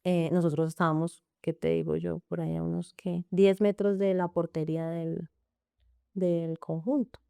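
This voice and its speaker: A low-voiced woman with a Colombian accent and a warm, gravelly, smooth tone tells her own story in an interview. She speaks earnestly in long run-on sentences and often quotes what others said. The recording is dry and close. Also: flat delivery, moderate pace, no echo. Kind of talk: emotional personal testimony in an interview.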